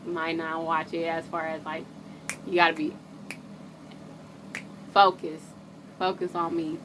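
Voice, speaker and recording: A woman with a low, level voice talks casually to her camera in a loose, slangy way, stopping and restarting her thoughts. Her speech sits in a low register and hardly rises or falls. Steady background noise and passing traffic are clearly heard behind her. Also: rough recording. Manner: loose and rambling, breaks off and restarts, laughs at herself. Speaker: astrology vlogger. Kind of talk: casual rambling chat to camera.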